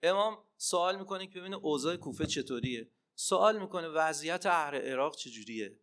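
A man preaching a religious sermon and telling stories, swinging between loud emphatic cries and hushed asides. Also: a little high, animated. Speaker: preacher and Arabic teacher.

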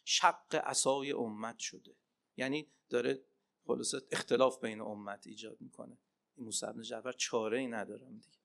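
A man preaching a religious sermon and telling stories, swinging between loud emphatic cries and hushed asides. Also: mid-range voice, steady tone, creaky. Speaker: preacher and Arabic teacher.

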